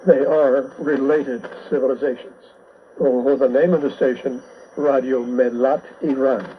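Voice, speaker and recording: Reading a scripted radio bulletin, a male host keeps a measured delivery, a steady tone and a mid-range voice. The signal arrives through a shortwave receiver, so it sounds muffled and band-limited with light noise behind him.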